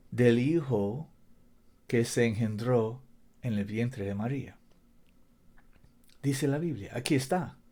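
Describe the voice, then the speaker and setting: Slow-paced man preaching. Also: on the high side, dark tone. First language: not a native Spanish speaker. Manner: emphatic, repeats key phrases. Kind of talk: Bible-teaching sermon.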